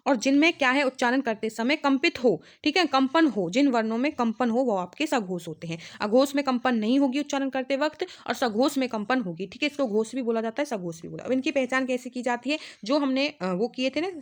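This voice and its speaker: A young woman teaches an exam-prep lesson in a fairly high voice. She explains patiently, repeating each point and checking in with her students every few words. When she reaches the letters, she spells them out slowly, one by one. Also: expressive. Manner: repeats "ठीक है" and "भाई" as constant checks.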